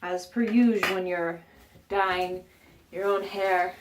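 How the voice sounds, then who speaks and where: A woman with a fairly low pitch and fairly even intonation takes her time, with noise in the background. Slightly stuffed up, she rambles chattily through a casual how-to vlog in her home bathroom, with lots of fillers and jokes about herself.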